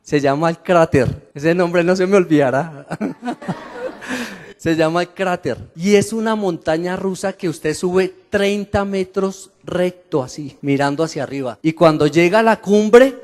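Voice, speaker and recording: A man's voice: high-pitched, measured pace. A Colombian man preaching a sermon to his congregation, telling stories with humor and asking the crowd questions. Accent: Colombian Spanish. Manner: animated storytelling with the congregation, laughing and asking questions. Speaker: pastor. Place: church hall. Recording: long hall reverb.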